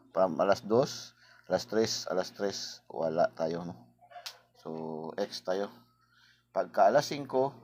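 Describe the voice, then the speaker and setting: A hoarse man chatting casually with his viewers as a lottery tip vlogger, rambling and tagging his sentences with a questioning "no?". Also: deep voice, a little mellow. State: hoarse, clearing his throat.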